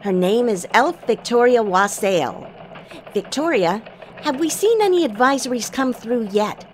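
A woman's voice: a little high, animated, a little slow, a little hiss or hum. A woman playing a female elf radio news anchor, reading in an enthusiastic newsreader manner. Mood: upbeat. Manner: bright, enthusiastic newsreader delivery. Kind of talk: scripted radio news parody.

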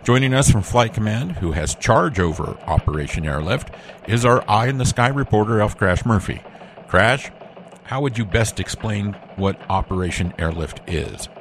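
An upbeat Christmas elf radio anchor played by a man with a deep voice that swings widely in pitch. He delivers scripted holiday news in a formal announcer manner, over clear background noise. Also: animated, moderate pace. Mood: bright, announcing.

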